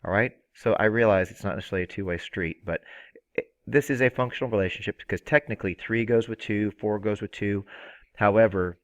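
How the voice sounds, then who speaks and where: A man teaching a math lesson, energetic and playful, with excited outbursts. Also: fairly low pitch, brisk. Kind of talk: screen-recorded math lesson.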